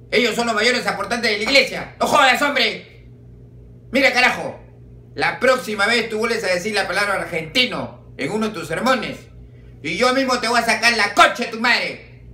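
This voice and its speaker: A man voicing a bossy bishop who scolds and swears loudly. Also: high-pitched, animated, normal speed, reverberant, voice pushed up, exaggerated voice. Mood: scolding. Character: gruff, bossy older male bishop scolding a priest.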